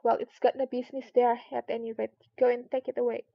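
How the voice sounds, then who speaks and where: A woman's voice: a little high, little pitch movement, fast talker, gravelly, dry recording. A woman voicing an angry, bossy male rabbit from a storybook, scolding and commanding. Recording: dull lo-fi recording.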